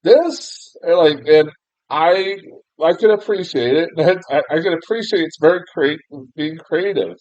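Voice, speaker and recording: A young man from the United States, native in English, gives an animated film review at a measured pace, his voice on the high side with a darkish tone. It's rambling and self-deprecating, packed with fillers and restarts, frequent laughter and mild swearing. The recording is dry and sounds dull and muffled, lo-fi.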